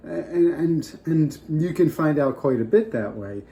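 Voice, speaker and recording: Speaking straight to his viewers, an older vlogger offers casual advice off the top of his head, his voice mellow, relaxed, a little high, a little slow and creaky, still slightly off from a cold he's getting over. He rambles, circling back and restarting often.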